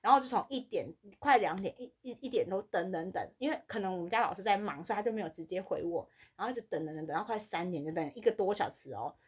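A woman's voice: fast, hardly any pauses, husky. A woman co-hosting a podcast, telling a workplace story in casual chat and acting out the other people's lines with big swings in her voice. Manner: animated, acts out quoted voices with big pitch swings. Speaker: podcast co-host.

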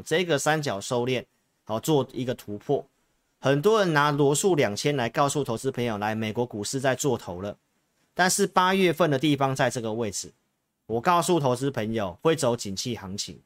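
A man's voice: medium pitch, no room sound. Taiwanese man giving emphatic stock market commentary. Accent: Taiwanese Mandarin. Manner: emphatic, repetitive, addresses viewers directly. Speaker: investment advisory show host, analyst.

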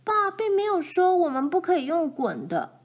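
Woman doing a high bold little girl, spunky, talks back, bouncy lively pitch. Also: a little slow, muffled recording. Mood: excited playful.

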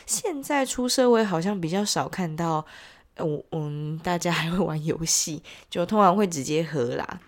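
Woman, Taiwanese accent, slightly low pitch, nasal and congested with a cold, chatty, self-deprecating, casual solo podcast host. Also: expressive, normal speed. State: heavy cold, feverish. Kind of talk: casual solo audio diary.

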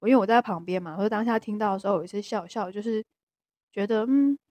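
A woman with a Taiwanese Mandarin accent, co-hosting a podcast in casual chat, talking hesitantly with many restarts and a soft voice that trails off. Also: medium pitch, fast, no room sound. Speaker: podcast co-host.

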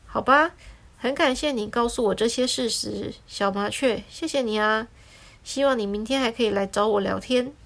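A woman voicing a lonely, earnest gentleman lemon in a children's story, speaking courteously. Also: a little high, moderate pace, vocal fry. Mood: polite.

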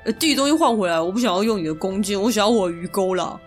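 A woman voicing a stubborn, hot-tempered elder brother, gruff and scolding. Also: medium pitch, expressive, very fast, soft background music, natural voice. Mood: grumbling.

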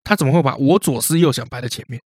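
A man's voice: mid-range voice, rapid-fire, breathy edge, dry recording, studio quality. A man co-hosting a podcast in casual, jokey chat, often slipping into silly voices. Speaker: podcast co-host.

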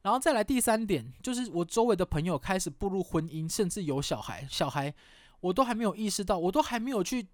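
Guy around 30 rambling on his podcast, pokes fun at himself, kinda high voice, dry close mic. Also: lively intonation, fast, no room sound. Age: 30s. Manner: candid, rambling, self-mocking with mild swearing. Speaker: podcast host. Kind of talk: casual chat.

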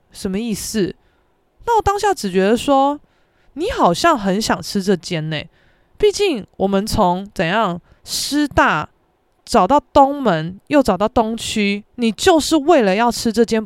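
A young woman with a Taiwanese Mandarin accent, hosting a podcast and telling a story in an animated, exasperated way. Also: medium pitch, no room sound, studio quality. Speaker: podcast host. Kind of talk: casual storytelling.

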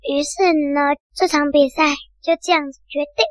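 A storyteller with a high, hoarse, childlike voice, narrating an animal story for children in a simple, drawn-out way. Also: fairly even intonation, fairly bright tone, no echo. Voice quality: hoarse, husky.

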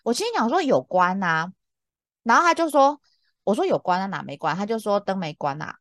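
活泼激动的台湾女主持人. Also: female voice, fairly quick, no room sound, studio quality. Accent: Taiwanese Mandarin. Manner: exasperated, lively, laughs often, big pitch jumps. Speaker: podcast co-host. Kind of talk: casual chat, animated storytelling.

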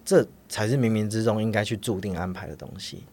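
A man, a spirit medium who is a guest on a podcast, talking in a reflective and soft-spoken way. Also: fairly low pitch, quick pace, slightly rough. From Taiwan. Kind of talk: casual interview talk.

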